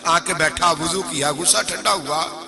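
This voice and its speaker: A man preaching a sermon. He tells the story dramatically, with sudden loud outbursts and a sing-song, chanted delivery. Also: on the high side, steady tone, creaky, over music.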